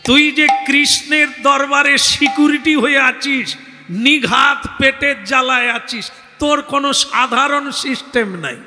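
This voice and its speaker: A man preaching a devotional sermon in a slow, theatrical way, acting out the dialogue with sudden shouts. His voice is high and very bright. It rings through a reverberant hall with music underneath. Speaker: kirtan singer and preacher.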